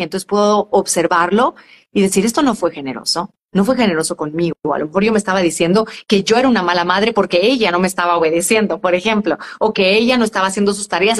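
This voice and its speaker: An adult woman, a guest on a live stream, talking in a calm, reflective self-help style. She explains things step by step and often repeats and corrects herself. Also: mid-range voice. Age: adult with a school-age daughter. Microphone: live video stream.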